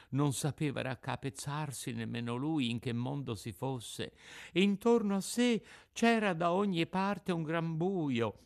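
A man narrating a classic children's tale in a lively, theatrical storytelling manner. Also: mid-range voice. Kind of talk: expressive audiobook reading.

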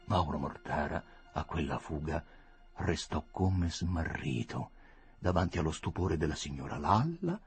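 A man giving an expressive, theatrical audiobook reading of a story. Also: on the low side, husky. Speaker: narrator.

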